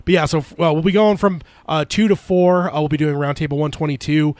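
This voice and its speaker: A man co-hosting a podcast in casual chat, halting and stop-start, his voice slightly weak and strained after being sick. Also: on the high side, fairly even intonation, darkish tone, dry recording. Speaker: podcast co-host.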